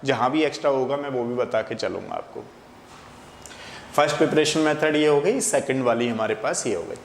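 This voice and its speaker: A man with a gravelly, medium-pitched voice teaches a chemistry lesson fairly quickly in classroom lecture style. He breaks things down step by step, asking and answering his own questions, in an echoey room with faint background noise.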